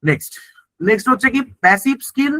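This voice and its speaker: A man's voice: very high-pitched, fast talker, pushed and bright, dry recording, poor audio. A man teaching an exam-prep lesson. He explains in Bengali mixed with English terms and keeps checking that the class is following.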